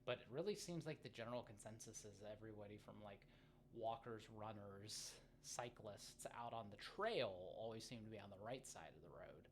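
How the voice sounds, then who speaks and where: An American man rambling casually to viewers as a running vlogger, halting and self-deprecating, often drifting into asides. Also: fairly low pitch, animated. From United States. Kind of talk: casual, rambling vlog chat. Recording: faint ambient background noise.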